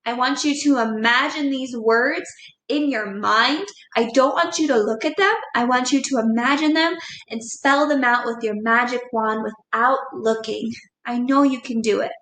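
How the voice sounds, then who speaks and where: High bright teacher lady, slow and encouraging, echoey room, faint rumble. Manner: slow, encouraging, spells words letter by letter. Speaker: second grade teacher. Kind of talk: recorded classroom lesson.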